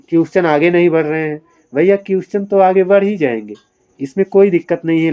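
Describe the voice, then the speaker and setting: A man's voice: on the high side, dull audio. A man teaching grammar in an online exam-prep lesson, working through multiple-choice questions with rhetorical questions and a repeated "है ना" tag, mixing in motivational advice to students.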